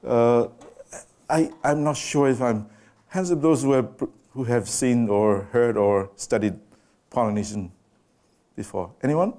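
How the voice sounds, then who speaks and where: A man's voice: mid-range voice, dark tone. A man from Samoa, giving a public lecture presentation and putting questions directly to the audience. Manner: unhurried, quizzes the audience directly. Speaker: guest lecturer. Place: lecture room with a live audience.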